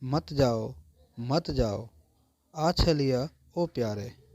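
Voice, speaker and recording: A man voicing a young female courtesan in a told story, speaking her lines in a soft, lowered voice. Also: lively intonation, very slow, dry recording, exaggerated voice. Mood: pleading. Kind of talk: storybook reading.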